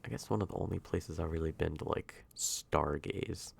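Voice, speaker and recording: A man speaking softly and intimately, close to a whisper, in a drifting, hesitant ASMR whispered role-play ramble. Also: deep voice, normal speed, gravelly, breathy edge. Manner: hushed, intimate, near-whisper at times.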